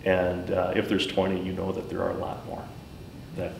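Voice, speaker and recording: A middle-aged man giving a personal account in informal talk, speaking haltingly and pausing often mid-sentence. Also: completely flat delivery, vocal fry. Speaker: school superintendent, former teacher. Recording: roomy, distant mic, faint rumbling noise.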